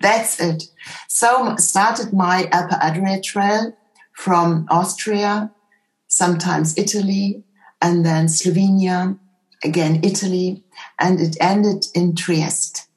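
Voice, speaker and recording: A woman who speaks English as a second language, telling a personal story reflectively in conversation as an interview guest, with hesitant pauses between short phrases. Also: on the low side, steady tone, a little mellow, poor audio. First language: not English.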